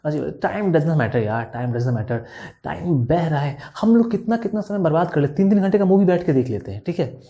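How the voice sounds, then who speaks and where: A young adult man with an Indian accent, a maths tutor explaining word problems in a chatty, teasing way, tired and speaking softly. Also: a little high, animated. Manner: chatty, teasing, talks straight to students, reads problem text aloud slowly. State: tired, speaking softly after a full day of recording. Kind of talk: casual classroom explanation while writing on a board.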